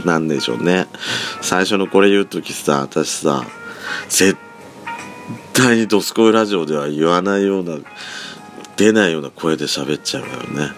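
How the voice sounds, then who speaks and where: A man with a very deep, raspy voice, still thick with sleep, rambles through a casual solo talk from his room at home. His pitch swings widely as he drifts from thought to thought with soft, feminine sentence endings. A faint bed of background music plays behind him. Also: expressive, moderate pace, long pauses. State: sleepy just-woken voice. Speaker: solo podcast host. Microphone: phone app mic set back from the mouth.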